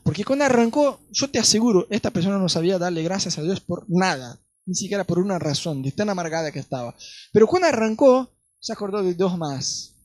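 Argentine male preacher, high voice, animated storytelling, dry close sound. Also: fairly quick, dry recording. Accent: Rioplatense Spanish. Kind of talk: sermon.

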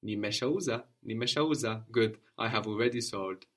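A man's voice: on the low side, normal speed, fairly bright tone. A man teaching a one-on-one language lesson, patiently prompting questions and repeating his student's answers.

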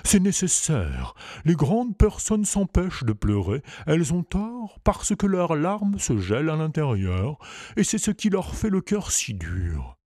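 A man voicing a wise, truthful pony in a storybook reading, speaking plainly and calmly. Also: fairly high pitch, no echo, studio quality, pitched above the performer's own voice, exaggerated voice. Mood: gentle. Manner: slow, calm, plain-spoken.

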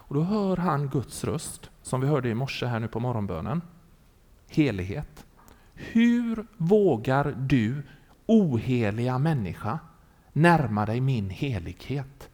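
A man preaching a sermon, telling a story with animated delivery and often asking the congregation if they are following. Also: a little high.

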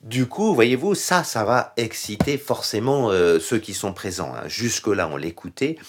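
A man giving a Bible study lesson, talking loosely with many pauses, fillers and restarts. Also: on the low side, animated, background noise. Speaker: Bible teacher.

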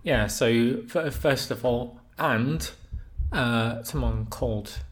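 A man co-hosting a casual podcast, talking in a dry, deadpan way as he reads out forum posts. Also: medium pitch, takes it slowly. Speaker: podcast co-host.

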